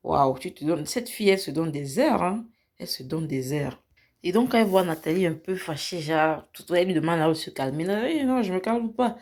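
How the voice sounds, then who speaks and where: A woman's voice: fairly low pitch, expressive, brisk, darkish tone. A woman, a vlogger recapping a reality show in a casual storytelling way. She acts out the people she retells and drops into English phrases.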